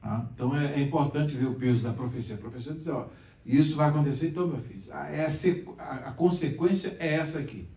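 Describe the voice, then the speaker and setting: A man's voice: medium pitch, fast, warm tone. A man with a Brazilian accent teaching a conversational Bible class, explaining and asking the class questions. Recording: echoey room, mic far off.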